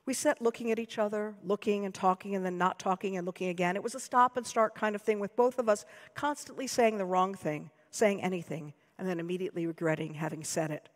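An American woman author reading her own fiction aloud in a dry, measured, deadpan way. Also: mid-range voice. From United States. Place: lecture hall. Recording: long hall reverb.

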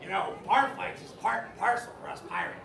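A man playing a gruff, rowdy pirate deckhand on stage, blustering at the audience in a live show. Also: sits high, big pitch swings, fairly quick, crowd noise, exaggerated voice. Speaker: stage actor. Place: indoor theatre, live audience. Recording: echoey hall from far off with audience.

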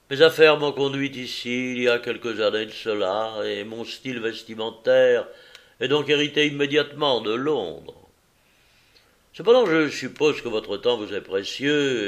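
A man voicing a touchy middle-aged foreign visitor who speaks loudly and insistently in an audiobook reading. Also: mid-range voice, natural voice. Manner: loud, insistent, slightly suspicious.

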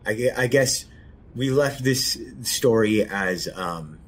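Male podcast host, very low voice, unhurried and halting, faint rumble under the recording. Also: animated. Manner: hesitant, soft-spoken, many pauses and fillers. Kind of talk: casual spoken introduction.

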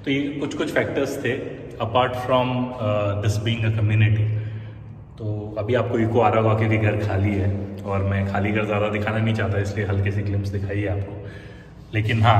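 A man's voice: on the low side, darkish tone, distant mic, a little hiss or hum. A man from India chatting as he films for his vlog inside an empty apartment, with his voice echoing off the bare walls. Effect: echo of a bare empty room. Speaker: vlogger. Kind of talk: casual vlog narration. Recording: echoey empty room, slightly off mic.

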